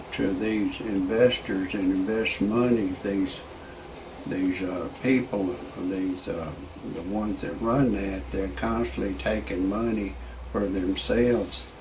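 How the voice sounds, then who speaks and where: Against a noisy background, a man in his sixties with a fairly low voice rambles through a video blog. He repeats words in search of a point, offering opinions before shifting to stand-up jokes.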